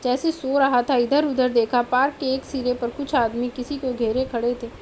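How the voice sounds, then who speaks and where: A woman narrating an audiobook in a steady, expressive reading. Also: high voice, moderate pace, a little hiss or hum, rough recording. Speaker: audiobook reader.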